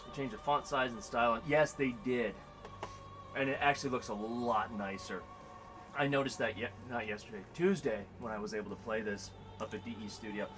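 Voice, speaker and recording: A man's voice: mid-range voice, a little fast. A man chatting casually on a game stream, playful and joking, laughing often. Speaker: streamer co-host. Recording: music playing behind the voice.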